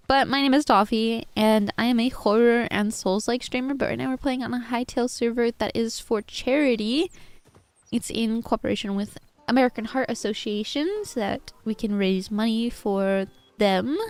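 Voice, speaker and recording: A woman streaming a game, speaking in a stiff, formal put-on character accent while greeting raiders and chatting. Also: fairly high pitch. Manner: greets raiders and chat warmly. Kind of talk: live gaming stream chat.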